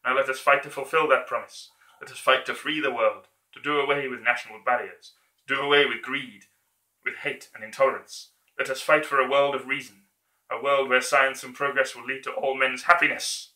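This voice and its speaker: A man's voice: medium pitch, fairly even intonation, fairly quick, bright, forceful tone. A man playing an earnest, humble orator in a theatrical dictator speech, declaimed with emphatic repetition and fervent appeal. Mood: fervent, rousing. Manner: declamatory, emphatic repeated phrases, building to fervent exhortation. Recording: echoey room.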